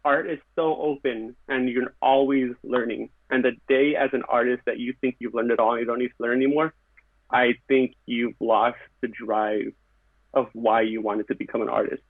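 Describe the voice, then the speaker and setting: In a casual podcast conversation, a Californian man who paints backgrounds speaks at a moderate pace with a mid-range voice and fairly even intonation. His phrases are short and padded with fillers, his tone earnest and reflective. The tinny, phone-like audio is very dry, with no echo.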